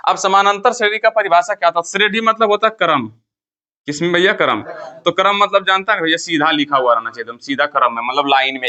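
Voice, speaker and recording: A man's voice: fairly high pitch, sharp tone. A male math teacher with a Bihari Hindi accent, lecturing a class. He asks questions, answers them himself and counts through the steps. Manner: counts step by step, repeats key terms.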